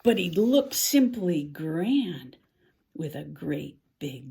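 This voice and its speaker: An older woman with a low, creaky voice reads a rhyming children's picture book aloud. She performs it expressively and theatrically, adding musing exclamations and dramatic pauses.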